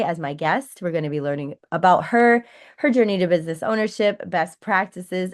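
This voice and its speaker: A woman hosting a business interview podcast, upbeat and encouraging toward her guest. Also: fairly low pitch. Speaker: podcast host.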